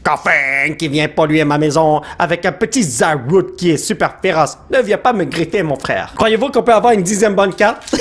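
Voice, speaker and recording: A young man with a Quebec French accent hosts a card-opening vlog, his voice sitting high and swinging widely. He sounds a little hoarse and keeps rattling off card names with eager excitement. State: slightly hoarse from shouting. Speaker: YouTuber opening trading card packs.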